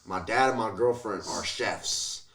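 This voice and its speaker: Over crowd noise, a man with a fairly low voice talks a little slowly as a casual interview guest. He spins animated stories full of slang and swearing, acts out what people said, and keeps saying "like" and "you feel me."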